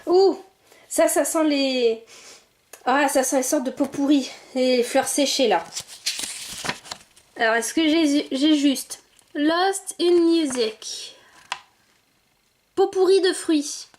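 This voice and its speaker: A young woman with a high voice talks unhurriedly through an unboxing, musing aloud and dropping small exclamations as she goes. A faint hiss and the crinkle of packaging sit under her voice. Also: takes it slowly, pauses often. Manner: chatty, thinks aloud, frequent small exclamations. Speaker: vlogger unboxing collectible figurines. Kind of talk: casual unboxing commentary.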